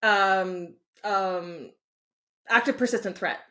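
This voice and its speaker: A woman guest in a casual interview, candid and quick to laugh. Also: medium pitch. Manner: animated, candid, laughs freely.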